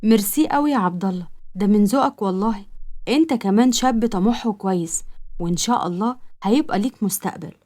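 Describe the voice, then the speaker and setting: A woman's voice: medium pitch, quick pace, warm tone, natural voice. A woman with an Egyptian accent voicing a shy, proper young woman who speaks defensively. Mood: earnest. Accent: Egyptian Arabic.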